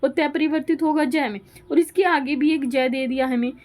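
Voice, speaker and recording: A woman's voice: high voice, steady tone, normal speed, darkish tone. A woman giving a Hindi grammar lesson, explaining rules step by step and repeating each example aloud. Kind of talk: classroom lecture.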